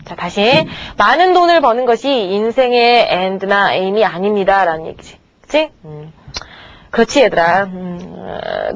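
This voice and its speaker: A woman's voice: mid-range voice, highs cut off. A woman teacher giving a grammar lecture to middle-school students, chatty and coaxing, checking in with her class again and again. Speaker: English teacher.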